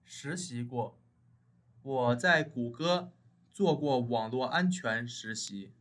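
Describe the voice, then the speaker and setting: A man reading his part in a scripted textbook dialogue for a language lesson, speaking slowly and carefully. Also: medium pitch, lively intonation, fairly bright tone. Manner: slow, careful enunciation.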